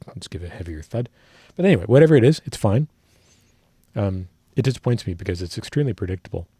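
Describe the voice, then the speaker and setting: A man talks through a song in a husky, fairly low voice, thinking aloud and correcting himself as he goes. He sounds like a working musician giving relaxed technical analysis. The sound is dry and close, with no room around it. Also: quick pace, no room sound. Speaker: musician reacting to a music video.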